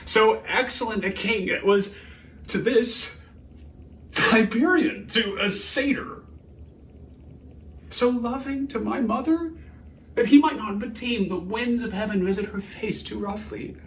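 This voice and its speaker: In a high-sitting voice full of anguished indignation, a man voices an embittered, grieving prince in a theatrical Shakespeare soliloquy. He speaks haltingly and declaims, moving between hushed brooding and anguished outcry, captured on a distant, roomy mic with faint noise.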